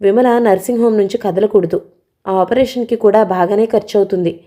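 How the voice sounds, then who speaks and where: A woman narrating a novel as a steady storytelling reading. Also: mid-range voice, a little fast. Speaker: audiobook narrator. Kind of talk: scripted narration.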